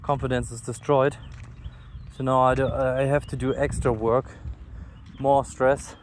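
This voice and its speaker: A sleep-deprived vlogger with a German accent walks down a street, rambling casually into his phone in a mid-range, level voice at a measured pace. He is frank, swears, and runs himself down, while street noise and passing vehicles fill the background.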